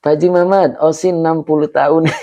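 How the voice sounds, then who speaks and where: A middle-aged man, an Islamic preacher casually chatting through viewer comments on a livestream with chuckles and drawn-out exclamations. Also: a little high, fairly even intonation, dark tone. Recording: slightly dull lo-fi livestream audio.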